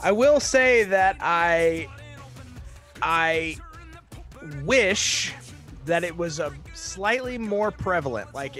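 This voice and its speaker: A man's voice: fairly high pitch, pushed and bright. A man casually chatting as a podcast co-host, rambling with lots of fillers and laughing easily. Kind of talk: casual chat.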